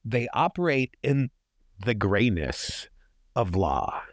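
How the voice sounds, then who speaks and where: A man's voice: very animated, takes it slowly, dry recording, clean studio sound. A man co-hosting a casual film podcast, chatty and full of fillers. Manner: wide-swinging pitch, chatty with fillers. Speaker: podcast co-host.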